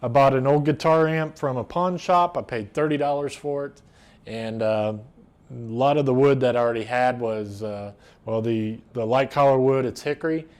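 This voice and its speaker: Speaking in a clean, darkish mid-range voice at normal speed, a middle-aged woodworking video host with an American accent walks through a DIY project. His delivery is casual, plain and unscripted.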